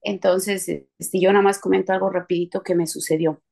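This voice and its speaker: A woman shares a lively story with her church group. Her voice has a gravelly, fry-laden edge. She laughs, loses her thread and restarts as the tale tumbles out. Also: on the low side, a little fast. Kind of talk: casual storytelling testimony.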